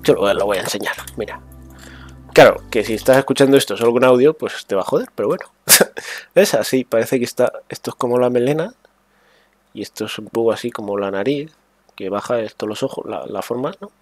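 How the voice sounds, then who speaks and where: A man from muses aloud, full of restarts and little fillers. He drifts between a hushed murmur and a brighter, livelier tone. Faint music plays underneath. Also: mid-range voice, fairly quick, no echo. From Spain. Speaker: vlogger. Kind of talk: rambling casual monologue.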